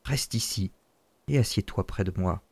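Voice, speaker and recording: A man's voice: lowish voice, moderate pace, vocal fry, darkish tone, breathy edge, pitched below the performer's own voice. A man doing a worried old woodcutter father. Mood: cautioning.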